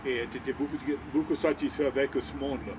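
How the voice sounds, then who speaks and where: A man's voice: medium pitch, fairly even intonation, fast. A man with a Cajun French accent talks casually as an interviewer. He is hesitant, repeats words and mixes in some English. Vehicle and outdoor noise is plainly heard around him.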